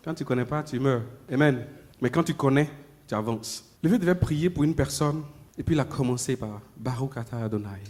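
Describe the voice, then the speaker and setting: A man preaching a sermon, talking conversationally with the congregation, repeating himself, and moving between loud emphatic peaks and low murmured asides. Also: fairly quick. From Ivory Coast.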